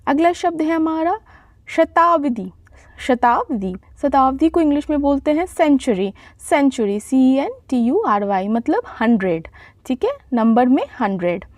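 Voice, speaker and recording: A high-voiced woman gives a vocabulary lesson at an unhurried pace, repeating every word and spelling it out letter by letter. The recording is close and dry, with no room sound. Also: sing-song, a little mellow, dry recording. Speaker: vocabulary teacher. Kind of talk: slow dictation-style vocabulary lesson.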